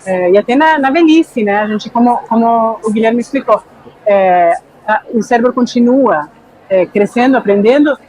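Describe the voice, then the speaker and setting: A woman's voice: a little high, expressive, moderate pace, a little mellow, slight background noise, poor audio. A woman from Argentina, a neuroscientist guest explaining things thoughtfully in a conversation. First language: Spanish. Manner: thoughtful, often checks in with "né".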